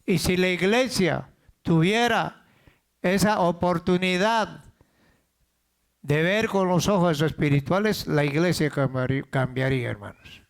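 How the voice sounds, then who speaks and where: A man's voice: high voice, a little slow, vocal fry. A man preaching a sermon as pastor of a church, repeating words as he builds up and calling out questions to the congregation.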